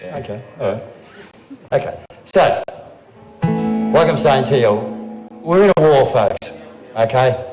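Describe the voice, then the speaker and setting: A regular guest and amateur songwriter, this Australian man talks casually on a live stream into a handheld mic, rambling and frequently asking "okay?" and "right?". His medium-pitched voice is expressive and a little slow with frequent pauses, captured in a roomy live venue with a guitar.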